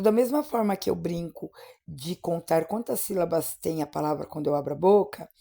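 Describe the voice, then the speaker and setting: A woman teacher patiently explaining literacy skills, stretching out example words slowly and checking in often. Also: medium pitch, creaky, mellow.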